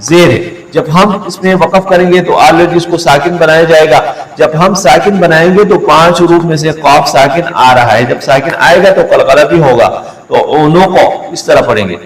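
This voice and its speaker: A man teaching Quran reading rules at a board, explaining patiently step by step and slowly chanting each word. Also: a little high. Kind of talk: tajweed lesson at a board. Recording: echoey room, mic at a distance.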